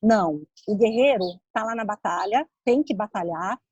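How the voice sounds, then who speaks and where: A woman co-hosting a podcast, telling a personal story in a lively, conversational way full of casual fillers. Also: mid-range voice, normal speed, breathy edge, no echo, muffled recording. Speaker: podcast co-host.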